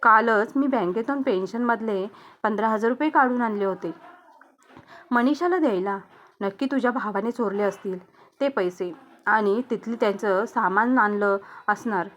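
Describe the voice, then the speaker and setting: A woman storyteller voicing a suspicious, sharp-tongued older mother-in-law who scolds and accuses. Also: mid-range voice, moderate pace, a little hiss or hum, close to an everyday voice. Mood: accusing.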